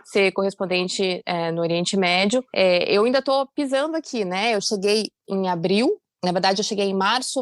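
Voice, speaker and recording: A woman's voice: mid-range voice, no room sound, clean studio sound. A woman journalist from Curitiba giving podcast interview answers in a thoughtful way, with frequent fillers and restarts, while recovering from vaccine side effects. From Brazil, Curitiba. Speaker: guest journalist, foreign correspondent.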